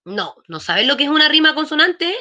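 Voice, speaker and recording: Woman, patient teacher, brightish voice, lots of quick check-in questions. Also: high voice, sing-song. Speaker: schoolteacher. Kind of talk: online class lesson.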